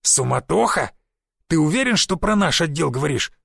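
A man's voice: on the high side, normal speed, gravelly, dry recording, clean studio sound. A man voicing an angry, cursing male secret police chief who scolds his agent in an audiobook. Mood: furious. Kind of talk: audiobook character voice.

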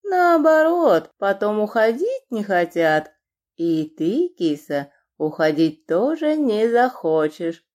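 A woman's voice: mid-range voice, very animated, takes it slowly, darkish tone. A woman voicing a fat, balding villainous man who gurgles and squeals, in an audiobook. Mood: oily. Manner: oily menace turning to shrieking. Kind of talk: audiobook character reading.

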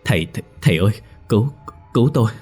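A man voicing a poor village father who stammers and begs in a rushed, pleading way in a storybook ghost tale. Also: on the low side, a little mellow, husky, soft background music.

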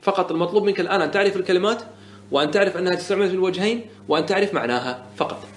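A man's voice: sits high, slight background noise. Man lecturing in a roomy echo. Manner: asks questions and answers them himself, checks understanding; slows down and stresses example words. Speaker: sheikh teaching Arabic morphology. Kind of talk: classroom lecture explaining a grammar poem.

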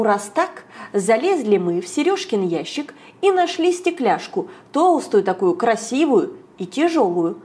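A woman reading an audiobook aloud, narrating lively in the first person as a young girl. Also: high-pitched. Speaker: audiobook reader.

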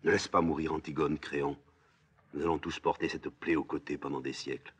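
A man's voice: a bass voice, little pitch movement, brisk, fairly bright tone, husky, exaggerated voice. A man reading a solemn imploring chorus. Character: solemn chorus, voice of the city elders.

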